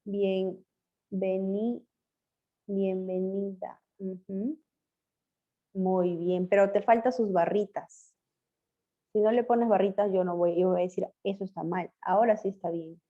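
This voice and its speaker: A woman teacher giving an online language class, patiently quizzing her pupils and spelling words out slowly. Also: mid-range voice, steady tone. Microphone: video call. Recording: muffled lo-fi video call audio.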